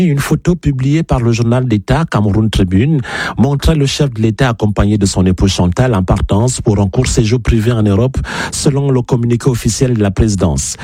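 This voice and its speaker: A man delivering a news report as a correspondent, steady and serious. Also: lowish voice, husky, dry recording, clean studio sound.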